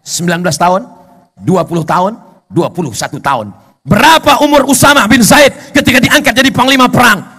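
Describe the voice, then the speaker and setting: Animated high-pitched Indonesian preacher man. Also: fairly quick, husky. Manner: dramatic swings between loud shouting and low asides, joking with the crowd. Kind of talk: lively sermon to a gathering.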